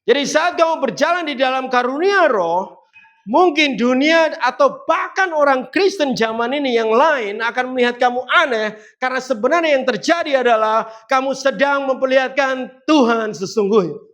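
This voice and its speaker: A man's voice: very high voice, lively intonation, normal speed, a bit bright. A man preaching a sermon, speaking with rising emphasis and putting direct questions to the congregation.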